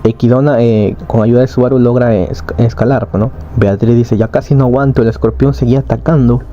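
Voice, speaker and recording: A man's voice: mid-range voice, steady tone, a little fast, warm tone, lo-fi sound, slight background noise. A man casually recapping a novel's plot, chatty, with frequent tag questions and fillers. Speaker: anime story recapper.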